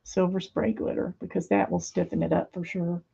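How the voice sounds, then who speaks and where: A middle-aged woman with a low, gravelly voice talks casually in her home craft studio. She rambles and hesitates with plenty of fillers. The recording sounds a little dull and muffled. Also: flat delivery, moderate pace, warm tone. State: hands a little weak, fumbling. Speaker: craft video host.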